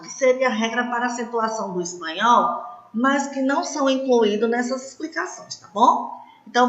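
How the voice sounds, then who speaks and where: A Brazilian woman teacher, slowly and patiently explaining a lesson and often checking that students follow. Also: on the high side, bright, forceful tone. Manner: checks in often with short tag questions. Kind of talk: slow, patient classroom explanation. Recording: echoey room, dull lo-fi sound.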